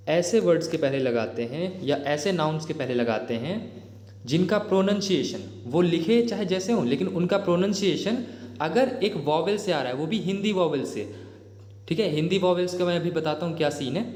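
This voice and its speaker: A grammar teacher with an Indian accent, his voice sitting fairly high for a man. He explains rules in a chatty way, keeps checking that viewers follow along, and reads English examples slowly. The room rings with a long echo. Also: a little mellow. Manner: addresses viewers as "bhai", frequent "theek hai?" check-ins. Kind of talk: explanatory exam-prep lesson. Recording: echoey room with long reverb.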